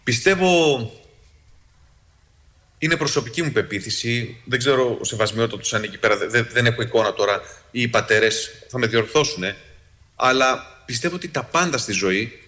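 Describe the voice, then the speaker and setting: In front of an audience, a man who is a psychologist relates a story energetically; restarts are frequent, and quoted dialogue brings abrupt pitch jumps.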